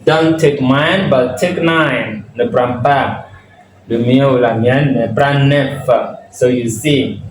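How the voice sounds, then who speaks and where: A man teaches pronunciation at a very slow, deliberate pace, repeating each example word. He sounds set back from the mic in a reverberant room. A faint hiss of ambience sits behind him. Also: mid-range voice. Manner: slow, drilling words one by one with repetition. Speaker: English teacher. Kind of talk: bilingual pronunciation lesson. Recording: echoey room, mic at a distance, faint background noise.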